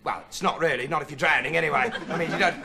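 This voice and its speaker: A young man playing a dim, rambling self-styled investigative reporter who keeps losing his thread, with ums and rights, in a deadpan comic monologue. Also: a little high, rapid-fire, vocal fry. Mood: flustered. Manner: meandering, hesitant, full of ums and rights. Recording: loud studio audience laughter, noisy old TV tape. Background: audience laughing.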